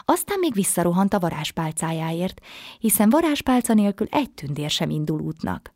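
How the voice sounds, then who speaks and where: A woman with a low, husky-breathy voice reads a children's bedtime story, gentle and hushed, often slipping into a near-whisper. The recording is close and completely dry. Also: sing-song, no echo.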